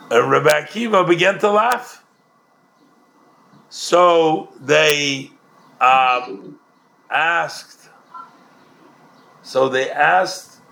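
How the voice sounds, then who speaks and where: Slow gravelly man teaching a Talmud story. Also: a little high, bright, forceful tone. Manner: retells a story, then explains it, with many restarts. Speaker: Torah teacher.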